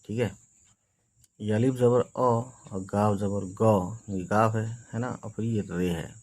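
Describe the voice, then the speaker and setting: A man's voice: lowish voice, fairly even intonation, takes it slowly, a little mellow. A man teaching beginners to read, spelling each word letter by letter and reassuring often that it is easy. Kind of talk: slow spelled-out reading lesson.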